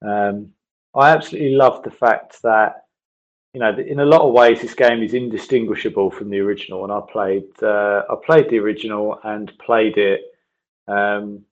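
A man's voice: on the low side, normal speed. A man leaving an enthusiastic, rambling voicemail over a landline phone, giving casual game impressions with many restarts. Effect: heard over a landline phone as a voicemail message. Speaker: gamer leaving a voicemail review. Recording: dull lo-fi phone line.

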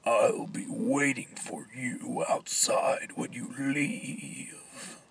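A man playing a creepy, menacing demon in a comedy audio sketch, speaking in a breathy whisper. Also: medium pitch, measured pace, sharp tone, a little hiss or hum.

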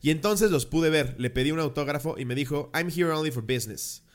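A man's voice: fairly high pitch, brisk. A man with a Mexican Spanish accent co-hosting a podcast, joking crudely with heavy slang while reading listener stories. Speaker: podcast co-host.

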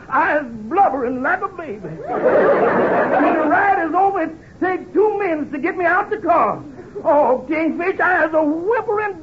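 An actor playing a bombastic, excitable scheming man in a 1950s radio comedy, declaiming and repeating himself. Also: extremely high pitch, exaggerated voice. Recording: muffled, noisy old radio recording.

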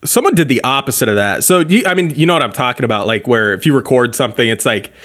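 A man's voice: mid-range voice, animated, fast, a bit bright. A man co-hosting a podcast in casual chat, rambling with lots of fillers and swearing. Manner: rambling and profane, lots of "like" and "bro"; easily cracks up laughing. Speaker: podcast co-host.

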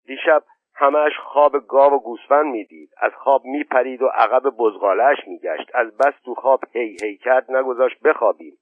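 A man's voice: medium pitch, no echo, lightly acted. A man voicing a humble, deferential male servant who chatters apologetically. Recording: tinny narrow-band, dry.

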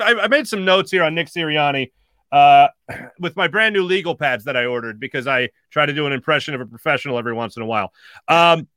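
Bright high-voiced man hosting sports talk. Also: dry recording. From Philadelphia area. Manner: energetic, quick asides, stammering restarts. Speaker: podcast host.

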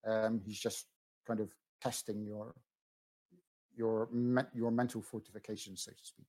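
A man's voice: fairly low pitch, level tone, unhurried, a little mellow, low-quality recording. A man narrating as game master of a tabletop game, with frequent ums and restarts. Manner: hesitant, many ums and restarts.

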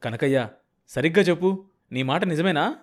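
A man's voice: mid-range voice, expressive, normal speed, lightly acted. A man voicing a hardworking, proud farmer father who speaks firmly and with emphasis. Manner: firm, emphatic.

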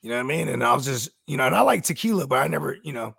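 Rambling co-host, thirties man, husky and gravelly, quick chatter. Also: medium pitch, expressive, a bit bright, no room sound, studio quality. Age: 30s. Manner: rambling storyteller, fillers like "you know what I mean". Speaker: podcast co-host. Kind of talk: casual chat.

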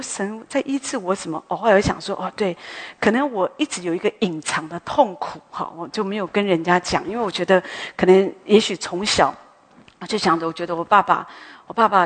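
A woman preaching a sermon at a morning prayer meeting, speaking gently and conversationally with soft tag sounds at the ends of her phrases. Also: medium pitch. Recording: long echo as in a hall.

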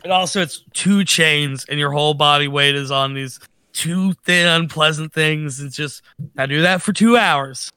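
Bright-voiced man in casual chat. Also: on the high side, moderate pace, clean tone, no echo. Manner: animated, rambling with restarts. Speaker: podcast co-host.

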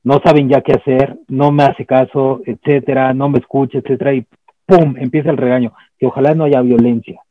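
A man with a Mexican accent hosting an interview, chatting casually with relaxed, enthusiastic reactions. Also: mid-range voice, a little fast, no echo. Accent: Mexican Spanish. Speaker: interview host. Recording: dull lo-fi sound.

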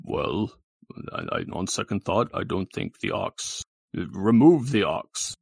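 A man voicing a stern male judge in improv comedy, handing down slow, booming pronouncements. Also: huge pitch swings, gravelly, breathy edge, no room sound, exaggerated voice. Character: stern deep-voiced male judge, commanding.

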